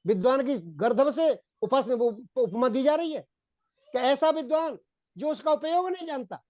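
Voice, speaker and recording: A man giving a Hindi-accented sermon on Vedic philosophy, repeating phrases and often addressing his listeners as gentlemen. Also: very high-pitched, animated, normal speed, no room sound. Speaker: Vedic preacher. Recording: dull, dry lo-fi recording.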